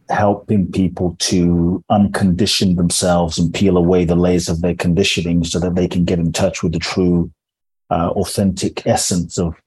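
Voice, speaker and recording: A man's voice: low voice, warm tone, slightly rough, no echo, poor audio. A man from Ghana who grew up in London, a transformational teacher, speaking earnestly and measuredly as a podcast guest with frequent restarts. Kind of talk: reflective podcast storytelling.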